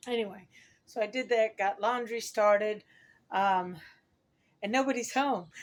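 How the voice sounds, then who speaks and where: A middle-aged woman with a hoarse voice from talking a lot, chatting casually and ramblingly to her viewers as she corrects herself. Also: mid-range voice. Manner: rambling, self-correcting, chuckles at own remarks. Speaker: vlogger. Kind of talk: casual chat to camera.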